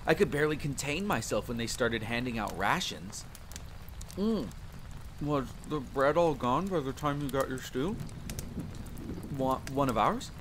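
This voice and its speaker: A man with a fairly bright, lively voice plays an excitable young fantasy spearman in an immersive audio drama addressed to the listener, speaking unhurriedly with long pauses. The soldier is friendly, talkative, eager and full of banter. Constant rain, a campfire and rolling thunder rumble behind him.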